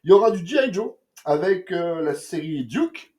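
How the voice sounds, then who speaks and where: A young man talks through comics in a loose, slangy ramble, full of fillers, restarts and jokes. His tone is mellow and soft-edged. His pitch leaps up and down animatedly. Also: animated, normal speed. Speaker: comics reviewer. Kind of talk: casual chat.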